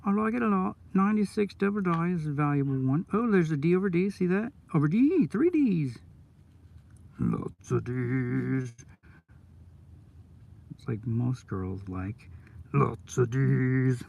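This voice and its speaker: A man chatting casually on a live stream in his van, rambling and excitable, full of "dude" and "oh my God", sounding stoned. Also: high-pitched, a little fast, creaky, few pauses, distant mic, slight background noise. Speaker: coin roll hunter streaming live.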